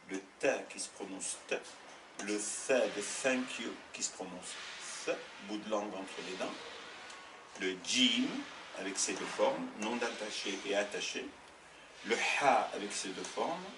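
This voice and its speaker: A man teaching letters in a slow, patient classroom manner, spelling out each sound. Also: on the low side, a bit bright, a little hiss or hum. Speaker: Arabic teacher. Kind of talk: classroom lesson. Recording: roomy sound from a distant mic.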